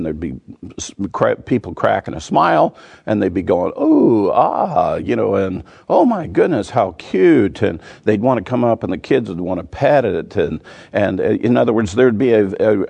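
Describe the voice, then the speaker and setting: A man's voice: deep voice, gravelly, a little mellow, slightly rough. A man teaching a weekly Bible reading, earnest and emphatic, building his points with vivid word pictures.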